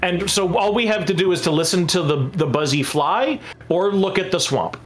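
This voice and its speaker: A man's voice: high-pitched, normal speed. A man playing a tabletop game, joking in a dry, teasing way. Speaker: player. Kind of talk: casual game talk.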